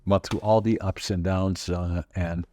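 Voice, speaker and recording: A podcast host in his eighties from the Northern Netherlands, whose first language is a regional Dutch dialect, speaks with a Dutch accent. His voice sits low, steady and dark. He tells casual stories from his life in a halting, rambling way, full of fillers and restarts.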